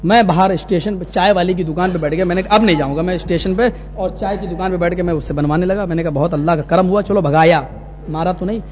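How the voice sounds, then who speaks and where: Brief: high-pitched man preaching, lively storytelling, hall reverb with a faint hum. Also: dull audio. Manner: animated anecdote-telling, acting out characters. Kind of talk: sermon storytelling.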